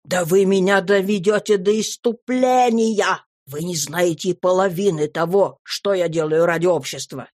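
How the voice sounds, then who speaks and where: A woman voicing an absent-minded, sulky rich middle-aged businessman in a low, slow mumble in a storybook reading. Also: a little mellow, no echo, clean studio sound, close to an everyday voice. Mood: indignant.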